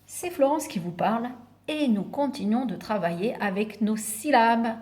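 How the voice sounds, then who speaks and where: A woman teaching preschoolers by remote video, stressing each syllable slowly and giving warm encouragement. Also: fairly high pitch, lively intonation. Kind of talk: remote lesson for young children.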